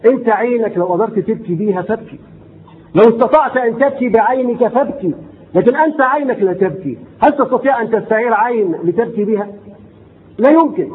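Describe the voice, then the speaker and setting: A man with an Egyptian accent delivers a sermon in a strikingly high voice. He recites classical lines and then repeats and explains them in colloquial speech. The recording is thin and tinny, like a phone line, with a faint hiss underneath. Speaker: preacher.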